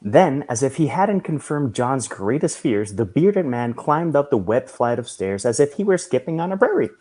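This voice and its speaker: A man reading a story aloud in a measured storytelling manner. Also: mid-range voice, sing-song, dark tone. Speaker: reader.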